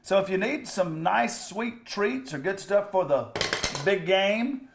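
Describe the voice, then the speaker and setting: A man with a voice pitched a little high hosts a joking cooking bit. He rambles, teases and slips in mock-serious asides. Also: lively intonation, slow, noisy background. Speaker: coach hosting a mock cooking segment.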